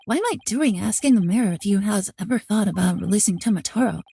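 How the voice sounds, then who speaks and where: A woman's voice: medium pitch, lively intonation, quick pace, gravelly, mellow, breathy edge. A woman reading a fretful young lawyer. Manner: fretful, self-doubting. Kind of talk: reading game dialogue aloud.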